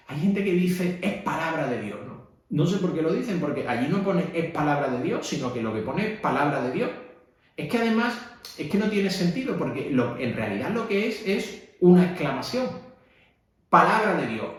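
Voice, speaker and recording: A man with a Spanish accent, a priest teaching how to read at mass, in a conversational way with frequent tag questions. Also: medium pitch. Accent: Spanish (Spain). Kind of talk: instructional talk. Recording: echoey room.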